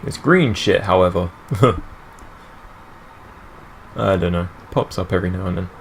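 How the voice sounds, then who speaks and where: Male let's-play host, very low voice, chatty fan commentary. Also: unhurried, slight background noise. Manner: rambling, enthusiastic fan talk. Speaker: gaming channel host.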